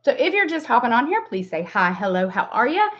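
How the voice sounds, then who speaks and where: A woman's voice: a little high, big pitch swings, fairly quick, a bit bright. A woman in her forties with a Southern US drawl, chatting casually and rambling through a livestream makeup tutorial with self-deprecating asides. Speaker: beauty livestream host and makeup seller. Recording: dull lo-fi webcam stream.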